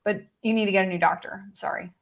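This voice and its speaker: A woman's voice: mid-range voice, fairly even intonation, fast talker, gravelly, lo-fi sound. Blunt, swearing woman hosting a chat. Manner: blunt and profane, then sympathetic; reads viewer questions aloud. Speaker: host. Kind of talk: casual group video chat.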